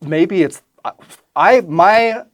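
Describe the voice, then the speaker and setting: A man's voice: sits high, expressive, slow pace. A man co-hosting a casual movie podcast, joking and making wry asides. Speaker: podcast co-host. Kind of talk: casual chat.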